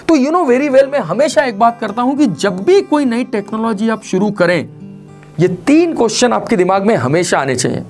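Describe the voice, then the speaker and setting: A man in his forties giving a programming lecture, his voice sitting fairly high and swinging widely in pitch. He drifts between Hindi and English and keeps checking in with his students through rhetorical questions. Faint music plays in the background. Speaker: programming instructor.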